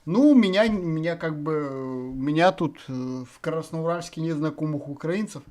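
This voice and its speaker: A Russian man vlogs from random video chats, rambling to his viewers as he thinks aloud, hesitant and full of filler words. His voice is on the high side and darkish, at a moderate pace.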